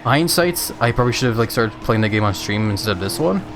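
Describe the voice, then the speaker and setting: A man's voice: mid-range voice, expressive, fast talker, over music. A man casually chatting with viewers while playing a racing game on a live stream, laid-back and laughing often.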